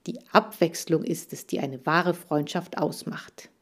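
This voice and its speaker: A woman reading a children's audiobook in a calm, careful storytelling manner. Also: low voice, unhurried, slightly rough. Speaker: audiobook reader.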